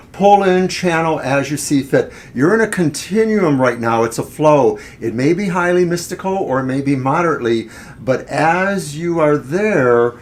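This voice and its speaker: A man co-hosting a casual tarot live stream, talking in an unhurried, musing way with many "uh" fillers. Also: fairly high pitch. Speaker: tarot reader, co-host.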